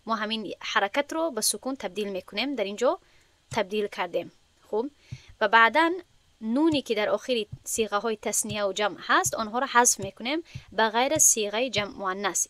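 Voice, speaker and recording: A woman's voice: on the high side, a bit bright, no room sound. A woman with a Tajik accent teaching an Arabic grammar lesson, methodically reciting conjugation tables aloud.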